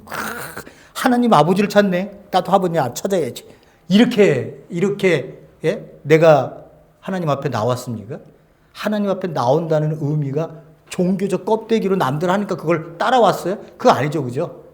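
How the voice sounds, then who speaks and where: A pastor gives an animated sermon at a moderate pace in a fairly high voice. He swings from loud exhortation to quiet, near-whispered lines and keeps asking the congregation rhetorical questions.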